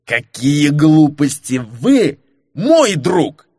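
A man doing a shrill, loud drunk nobleman. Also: very animated, very slow, breathy edge, full character voice. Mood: feigned drunken glee. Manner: shouting in a high, slurred voice. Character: noisy drunk-acting young nobleman.

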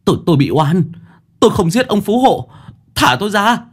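A man's voice: lowish voice, lively intonation, moderate pace, lightly acted. A man voicing a poor young village man who speaks politely and pleads anxiously. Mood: desperate.

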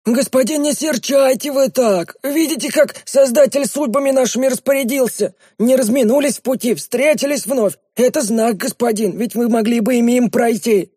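Brief: shrill, husky-edged sly servant for a storybook, fawning, always excusing himself, lots of "sir". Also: male voice, normal speed, hardly any pauses, warm tone, dry recording, studio quality. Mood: wheedling. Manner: wheedling, excuse-making, stammers when scared. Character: sly fawning red-haired male servant, wheedling.

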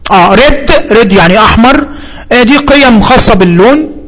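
A computer instructor with an Egyptian Arabic accent gives a screen-reader software tutorial, thinking aloud and repeating himself as he explains each term. His voice is very high, expressive, and fairly bright, he speaks quickly, and the audio is poor.

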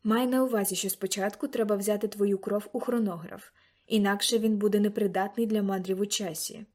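A woman reading an eager, excitable old grandfather in an audiobook, bursting into loud exclamations. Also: medium pitch, a little fast, natural voice. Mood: pondering.

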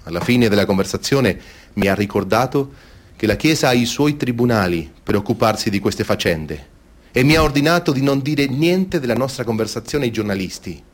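In a low male voice, an actor portrays a grave ex-seminarian giving wounded testimony. The monologue is solemn, theatrical, and measured.

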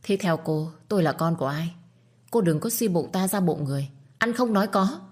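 A woman's voice: fairly low pitch, animated, a little fast. A woman voicing a composed young wife who answers accusations in a cold, cutting, firm way. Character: cool, sharp-tongued young wife. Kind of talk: storytelling with acted dialogue.

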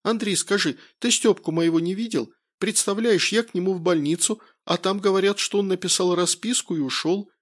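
A woman's voice: mid-range voice, voice pushed up, close to an everyday voice. A man voicing an anxious young wife on the phone, worried about her missing husband, in an audiobook. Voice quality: anxious, rapid.

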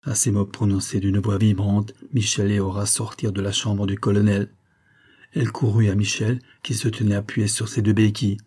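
A man reads a classic novel aloud in a steady, measured way. His voice sits low and dark. It has a husky grain. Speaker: audiobook narrator. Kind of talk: scripted narration of a novel.

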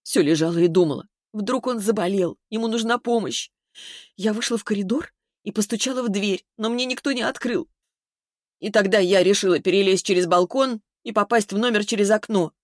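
A man reading an audiobook, voicing a tearful young woman who wails and sobs in a high voice. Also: lively intonation, rapid-fire, few pauses, a little mellow, no room sound, clean studio sound, close to an everyday voice. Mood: anxious. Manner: high, wailing and breathless. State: sobbing. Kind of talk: audiobook character voice.

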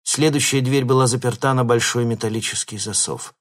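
A man reading an audiobook in steady, scripted narration. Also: medium pitch, brisk. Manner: steady storytelling.

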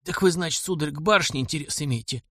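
A man's voice: fairly high pitch, fast, a bit bright, no room sound, studio quality, voice pushed up. Man doing a quavering old servant. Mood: pleading. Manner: pleading and humble. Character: frail, tearful old male household servant.

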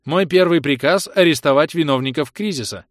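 A man voicing a cold, emotionless computer that governs a colony, speaking in flat commanding tones. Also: on the high side, fairly quick, no room sound, clean studio sound, voice pushed up, lightly acted.

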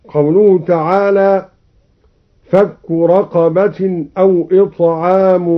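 A man introducing a Quran recitation on the radio, who explains the reading variants in a measured way and then chants each verse example. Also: fairly high pitch. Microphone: studio broadcast microphone. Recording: slightly dull archival radio recording.

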